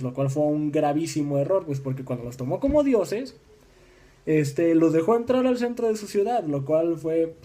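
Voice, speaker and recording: Young man from Mexico, informal history talk, halting delivery with lots of fillers, mellow and a bit high. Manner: halting, many restarts and fillers; acts out voices in dialogue.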